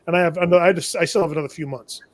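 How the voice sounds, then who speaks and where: Speaking fast in a slightly high, steady voice with no echo, a tool vendor and shop owner rambles through a long business tale on a live show. He keeps correcting himself and laughing at his own troubles in this casual storytelling.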